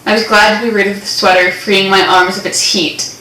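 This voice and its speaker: A woman's voice: mid-range voice, flat delivery, a little fast, bright, forceful tone, slight background noise. A young woman co-hosting, casually reading fan fiction aloud with playful, theatrical comic asides. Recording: echoey room, distant mic.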